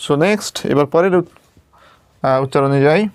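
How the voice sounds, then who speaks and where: Patiently teaching English pronunciation at a writing board, this man spells out each sound step by step and checks that his students are keeping up. His voice is fairly high, smooth, and moves at a normal speed.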